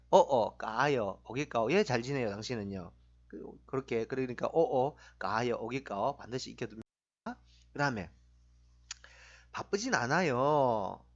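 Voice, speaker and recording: A middle-aged man teaching a language lesson, encouraging listeners and drilling short phrases for them to repeat. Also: mid-range voice.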